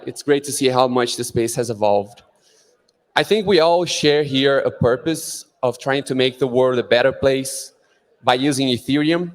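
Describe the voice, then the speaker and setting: A man giving an earnest, rallying keynote at a conference, introducing his project. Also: medium pitch. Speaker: conference speaker, project founder. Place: conference stage in a large hall. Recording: long hall reverb.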